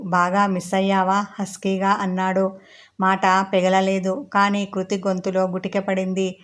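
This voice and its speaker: Woman reading a story, flat steady tone. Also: mid-range voice. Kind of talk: scripted audiobook narration.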